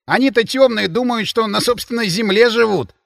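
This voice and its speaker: A man voicing a loud, sarcastic male drinking companion who lectures his friends. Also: sits high, a little fast, gravelly, no room sound, clean studio sound, pitched above the performer's own voice. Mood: sarcastic lecturing. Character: brash loud male bar companion, mocking.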